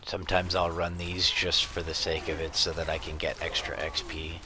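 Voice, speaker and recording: A man with a stuffy nose giving relaxed, casual commentary while playing a game, muttering to himself. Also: very deep voice, moderate pace. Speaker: gamer.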